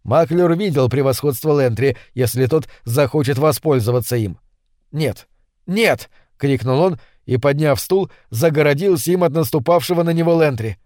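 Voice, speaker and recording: A man narrating a horror story as an audiobook reading, in steady, measured storytelling. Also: fairly high pitch, no echo, clean studio sound.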